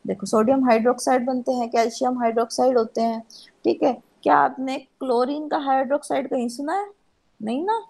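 A woman teaching chemistry to a class, asking herself questions and answering them. Her voice sits a little high, with a husky edge and a gravelly fry. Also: fairly quick, a little mellow, rough recording. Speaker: chemistry lecturer. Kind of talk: classroom lecture.

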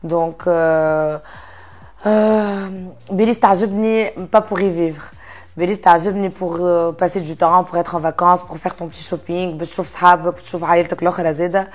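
A woman's voice: lowish voice, fairly quick. A woman in her thirties with a Tunisian accent, chatting as an interview guest and slipping in French phrases between laughs. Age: 30s. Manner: lively, mixes in French phrases, laughs often. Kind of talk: casual interview chat. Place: indoor studio set with armchairs.

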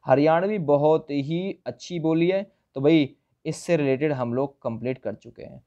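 A man's voice: sits high, darkish tone. A man teaching an exam-prep lesson, posing quiz questions and repeating each point with reminders to remember it. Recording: dull lo-fi sound.

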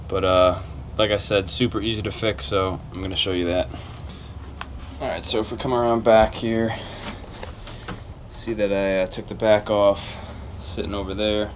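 A man's voice: fairly low pitch, fairly even intonation, moderate pace, slight background noise. A man talking casually and a little hesitantly through a hands-on repair tutorial, unscripted and informal. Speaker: video maker giving a repair tutorial. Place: small cluttered carpeted room indoors.

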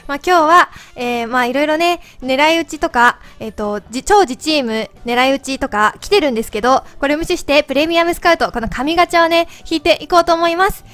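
A woman with a squeaky, helium-altered voice giving playful, chatty, excitable commentary on a game as its host. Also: quick pace, few pauses. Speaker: host of a mobile game channel. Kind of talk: casual gameplay commentary.

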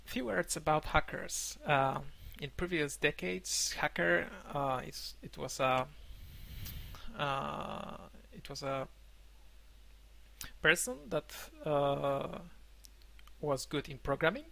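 A young man whose first language is Polish gives an online conference talk from a room at home, pausing often with fillers and restarts over a webcam microphone. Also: fairly high pitch, creaky, bright, forceful tone. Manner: halting, many fillers and restarts. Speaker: conference speaker. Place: indoor room, remote talk.

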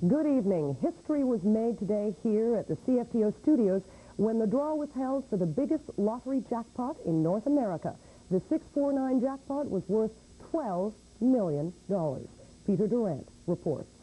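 A woman's voice: a little high, big pitch swings, moderate pace, mellow, slightly rough, low-quality recording. A woman in her thirties reading scripted news as an anchor in a television studio.

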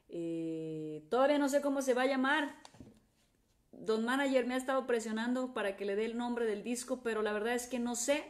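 A woman singer with a Mexican accent chatting casually with fans on a live stream, greeting viewers by name and trailing off in restarts. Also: fairly high pitch.

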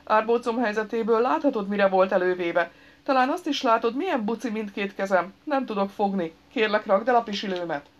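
A woman's voice: medium pitch, voice pushed up, natural voice. A woman voicing a desperate, indignant man with injured hands, pleading in a raised, whiny voice. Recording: dull lo-fi recording.

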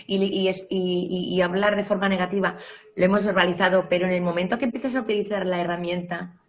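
A woman's voice: lowish voice, fairly even intonation, quick pace. A woman interviewing a guest in a casual chat, often chiming in to agree.

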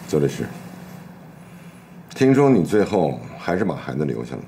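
Ruthless tycoon, very deep voice, wide swings in pitch, cold and threatening. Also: male voice, sing-song, moderate pace, gravelly, mellow, a little hiss or hum, heavily acted. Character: cold, scheming powerful male tycoon. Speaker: powerful businessman. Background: background music.

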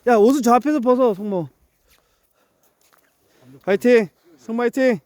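A man's voice: very high voice, normal speed, darkish tone, no room sound. A man outdoors chatting casually with a friend, teasing and cheering him on in exclamations. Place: outdoors in winter.

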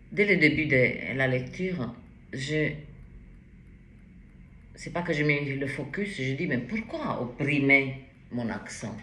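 A woman's voice: low voice, fairly bright tone, echoey room, a little hiss or hum. A woman giving a spoken tarot reading, hesitant and rambling, with frequent restarts and interjections. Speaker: tarot reader.

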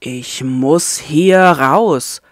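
Desperate young man locked up voiced by a woman, murmuring low, dry close sound. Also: drawn-out words, no room sound, exaggerated voice. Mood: urgent, brooding. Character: troubled young male prisoner, desperate and brooding.

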